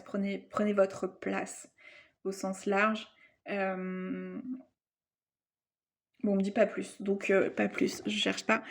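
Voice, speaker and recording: Gravelly woman reading oracle cards. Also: mid-range voice. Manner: hesitant, many fillers and self-corrections; reads card texts aloud between comments. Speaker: card reader. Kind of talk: casual oracle card reading.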